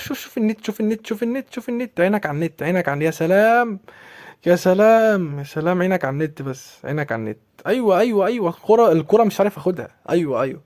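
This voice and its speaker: In studio quality with no echo, the young YouTuber with an Egyptian Arabic accent voices live commentary on his own football game. His high-pitched voice has a darkish tone, and he repeats himself in exasperation at every play.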